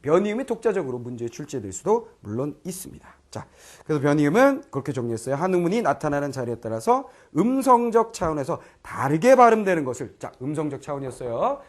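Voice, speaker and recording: A man's voice: a little high, fast, few pauses. A middle-aged man teaching Korean grammar in an online lecture, often asking if students follow and acting out learners' lines. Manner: lively, keeps checking students understand; acts out foreign learners' lines in quoted voices.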